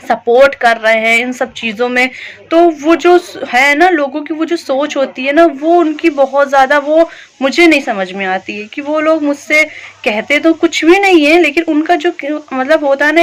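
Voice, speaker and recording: A woman's voice: sits high, a bit bright. A young woman chatting in a casual home vlog, rambling a little while she cooks and does chores in her kitchen. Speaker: vlogger.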